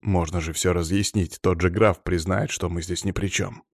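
Man voicing a timid nobleman, mumbly and defensive, gravelly voice, dry close sound. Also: low voice, steady tone, moderate pace, no echo. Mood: defensive pleading. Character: nervous, spineless middle-aged male nobleman.

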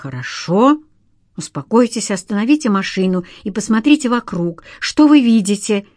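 A woman reading an audiobook, voicing a calm male detective who speaks in short, level commands. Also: mid-range voice, moderate pace, no room sound, clean studio sound.

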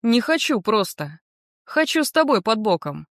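A woman's voice: on the high side, sing-song, normal speed, no room sound, studio quality. A woman reading as an earnest young man. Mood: earnest, warm. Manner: sincere, gently persuasive. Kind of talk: audiobook character reading.

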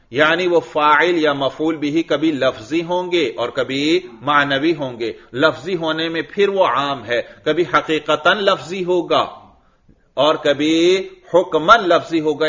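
A man's voice: fairly high pitch, bright, forceful tone, lo-fi sound. A male religious teacher giving a lecture on an Arabic grammar text. He chants the Arabic lines, explains each one, calls the listeners brother and checks that they follow.

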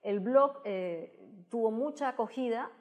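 Speaking at a measured pace in a fairly high-pitched, darkish voice, a female science communicator answers interview questions. Her Peruvian Spanish accent colors her explanatory, conversational replies, which often finish with a tag question.

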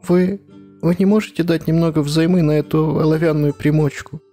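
A man reading aloud puts on a pale, trembling young wife, voice lifted high and anxious, begging for help. The mellow tone stays, with faint guitar underneath. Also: fairly even intonation, brisk, lightly acted. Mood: anxious pleading. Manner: anxious, pleading.

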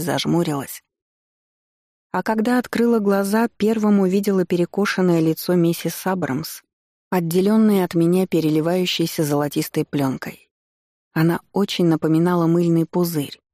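A woman narrating a first-person audiobook in a steady, measured storytelling way. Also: fairly low pitch, no echo, clean studio sound.

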